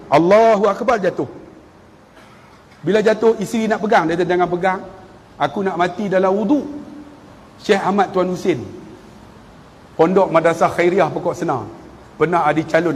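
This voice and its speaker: A man in his fifties from Malaysia giving a lively religious lecture, telling stories, acting out quotes and moving between hushed and loud delivery. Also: on the high side, slight background noise. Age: 50s. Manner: animated storytelling, swings from hushed to loud, acts out quotes. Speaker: preacher. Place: large hall or mosque. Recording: long hall reverb.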